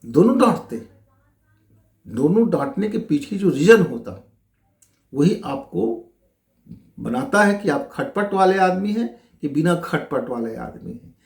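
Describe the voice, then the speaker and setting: A man's voice: on the high side, big pitch swings, unhurried, vocal fry, long pauses, reverberant. Middle-aged man giving a spiritual talk. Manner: addresses listeners as friends, lists in long rhetorical runs. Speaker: spiritual teacher.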